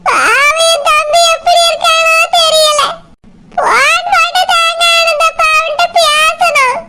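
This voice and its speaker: A woman voicing a tearful elderly village mother-in-law in a cartoon, wailing and shouting through tears. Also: very high voice, fairly even intonation, measured pace, heavily acted. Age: older. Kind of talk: cartoon village comedy voice acting. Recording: loud background noise.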